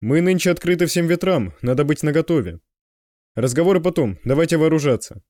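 A man's voice: on the high side, expressive, a little fast, darkish tone, no echo, pitched above the performer's own voice, close to an everyday voice. A man voicing a tough male stalker who speaks bluntly with dry irony. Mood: wry.

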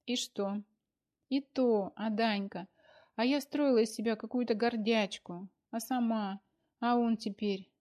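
A woman's voice: a little high, steady tone, measured pace, a little mellow, pitched above the performer's own voice, lightly acted. A woman voicing an exhausted young woman who blames herself and complains tearfully, in an audiobook. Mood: distraught. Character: weary, self-blaming young woman. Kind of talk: audiobook character voice.

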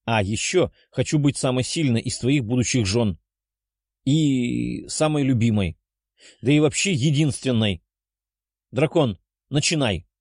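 A man voicing a bold, determined young woman in an audiobook, lifting his voice higher and sounding eager. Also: measured pace, a little mellow, no echo, studio quality. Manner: raised pitch, eager. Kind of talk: audiobook character voice.

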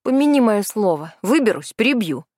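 A woman's voice: mid-range voice, big pitch swings, moderate pace, a little mellow, no room sound, clean studio sound. A woman voicing a sullen, defiant young man in an audiobook. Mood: snapping. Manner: curt, snapping. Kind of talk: audiobook reading.

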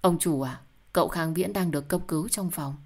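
A woman's voice: lowish voice, fairly quick, darkish tone. A woman voicing a polite, deferential male servant reporting to his employer.

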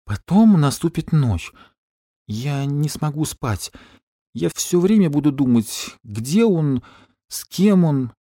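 A man's voice: a little high, expressive, slow, dark tone, no room sound, studio quality, voice pushed up. A man reading aloud and voicing an anxious, emotional young woman who pleads and frets. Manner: pleading, tearful.

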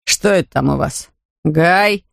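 A woman voicing a grumpy, greedy older male neighbour who talks slowly and gruffly. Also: low voice, no echo, clean studio sound, heavily acted. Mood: grumbling. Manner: gruff, slow, grumbling.

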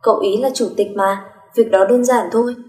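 A woman's voice: a little high, fairly even intonation, brisk, darkish tone, close to an everyday voice. Polite deferential housekeeper, read by a woman. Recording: roomy echo.

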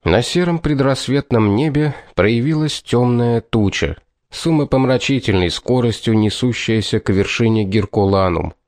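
A man narrates an audiobook in a steady, even manner. His voice sits in a middle range, and the recording is dry and close. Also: medium pitch, normal speed, dry recording. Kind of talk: scripted narration.

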